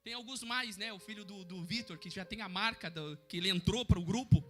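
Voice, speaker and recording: A middle-aged Brazilian man preaching at a church service, swinging between loud exhortation and hushed asides, acting out family scenes for the congregation. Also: sits high, fairly quick, soft background music. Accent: Brazilian Portuguese. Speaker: pastor. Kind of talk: sermon with congregation call-and-response.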